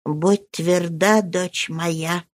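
Woman putting on a gentle elderly servant, low soft voice, slow and soothing, audiobook. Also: expressive, dry recording. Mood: consoling. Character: old female servant, gentle and consoling.

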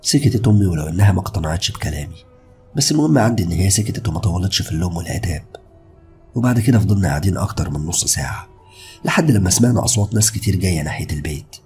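A man with an Egyptian accent narrating a first-person horror story in a steady, brooding way. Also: low voice. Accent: Egyptian Arabic.

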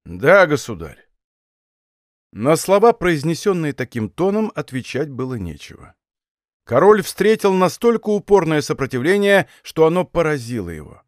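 A man narrating a historical novel in a measured, expressive audiobook reading. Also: fairly high pitch, no echo, studio quality. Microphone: studio mic.

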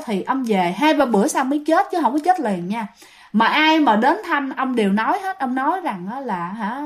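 A woman with a Southern Vietnamese accent telling a ghost story in a chatty way, talking straight to her listeners and often restarting her sentences. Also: high-pitched. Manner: chatty, addresses listeners directly, trails off and restarts. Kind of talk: casual ghost story narration.

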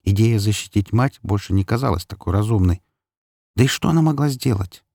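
A man narrating an audiobook in a steady, even storytelling voice on a close studio mic. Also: fairly low pitch, brisk, vocal fry, dry recording. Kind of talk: scripted narration.

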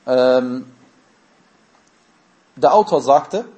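A man's voice: medium pitch, expressive, extremely slow, darkish tone. A man giving a religious lesson, explaining terms step by step and answering his own questions. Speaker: Islamic teacher.

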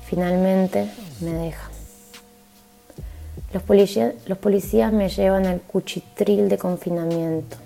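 Woman reading a memoir out loud, dark gravelly voice, bit of music behind. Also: mid-range voice. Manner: steady, measured first-person reading. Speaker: podcast host reading a book aloud. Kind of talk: audiobook-style reading.

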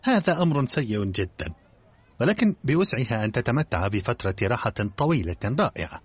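A sly young woman coaxes and persuades in a raised, brisk voice, as a man reads her in an audiobook. Her tone stays husky and quick. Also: medium pitch, sing-song, no room sound, pitched above the performer's own voice. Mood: coaxing. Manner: coaxing, brisk.

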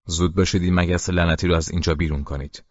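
A man's voice: low voice, a little mellow, slightly rough, no room sound. A man voicing a hot-tempered old-time film director. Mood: irritated. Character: quick-tempered male film director father. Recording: dull, muffled sound.

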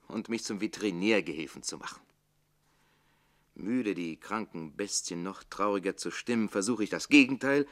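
A man with a lowish voice voices a servant who is jealous, witty, and defiant in a theatrical radio play, declaiming his lines in a way that swings from hushed to forceful.

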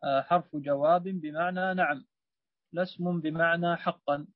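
A man reading a grammar text aloud in class, hesitating and pausing with fillers. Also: on the high side, fairly even intonation, no echo, phone-quality sound.

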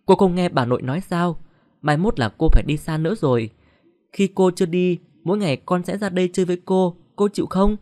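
A man's voice: high-pitched, a little fast, darkish tone, no room sound, close to an everyday voice. A man voicing a young village boy who coaxes and argues with a ghost. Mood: stern.

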